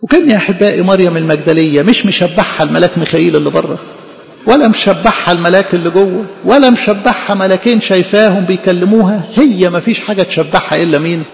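A man with an Egyptian Arabic accent preaching a sermon in a church. He talks in an animated way, asking rhetorical questions and answering them himself. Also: high-pitched, racing, creaky. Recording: echoey hall, dull lo-fi sound.

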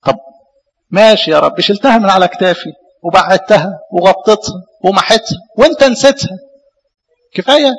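Egyptian priest, sermon; bright high voice, long hall reverb, questions the flock. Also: male voice, fairly quick. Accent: Egyptian Arabic. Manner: animated preaching with rhetorical questions.

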